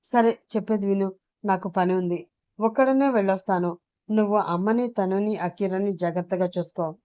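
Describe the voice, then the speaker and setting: A woman storyteller voicing a hurried young man who talks in a brisk, dismissive way. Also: mid-range voice, dark tone, close to an everyday voice.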